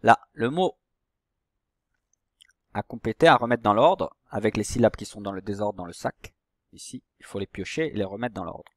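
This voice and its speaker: Patient schoolteacher, slow and clear. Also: male voice, lowish voice, no room sound, studio quality. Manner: slow, patient, stretches words and syllables. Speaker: primary school teacher. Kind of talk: recorded reading lesson for young children.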